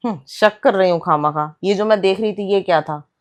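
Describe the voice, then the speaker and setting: A woman playing a young wife who confronts her cheating husband with sharp, sarcastic accusations in a comic family skit. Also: medium pitch, moderate pace, close to an everyday voice. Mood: accusing.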